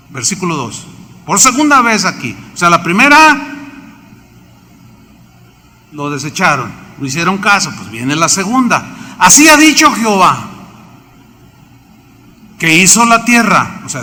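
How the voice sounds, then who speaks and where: A man with a Mexican accent preaching a sermon as pastor, animated, acting out biblical characters and asking the congregation questions. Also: high voice. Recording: reverberant hall, faint background noise.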